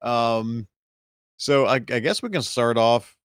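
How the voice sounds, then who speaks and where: Laid-back guy hosting a podcast chat, average pitch, dry close mic, chuckles a lot. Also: slow pace, fairly bright tone, clean tone, no echo. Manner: easygoing, chuckles often, loses his train of thought. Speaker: podcast co-host.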